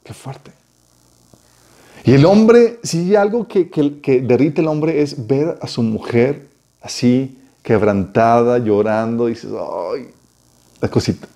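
A man leads a Bible study in a relaxed, conversational way. His voice is mellow and warm, and it sits at an ordinary middle pitch. He keeps his listeners engaged with rhetorical questions and quick check-ins. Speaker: Bible teacher.

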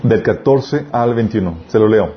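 A man's voice: lowish voice, normal speed. A man preaching a sermon and reading scripture aloud, earnest, with restarted words and emphatic peaks. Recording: dull lo-fi recording with faint noise.

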